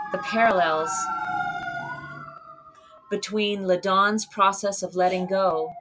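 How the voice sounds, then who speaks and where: A woman narrates a personal memoir in a fairly low voice. She reads in a measured, earnest way, letting each phrase sink softly at its close. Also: slight background noise. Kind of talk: reading a memoir aloud.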